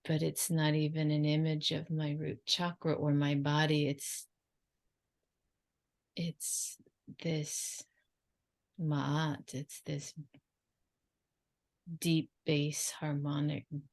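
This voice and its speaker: A woman channelling in a trance like a seance medium, in halting, drifting phrases with long silences and a creaky, low voice. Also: level tone, darkish tone.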